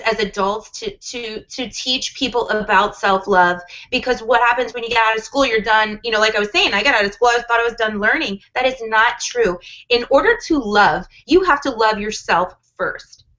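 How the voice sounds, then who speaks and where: A woman's voice: a little high, moderate pace, few pauses, pushed and bright. A woman in her forties, a guest on a casual livestream, talking earnestly and rambling with many restarts. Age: 40s. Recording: dull lo-fi livestream audio.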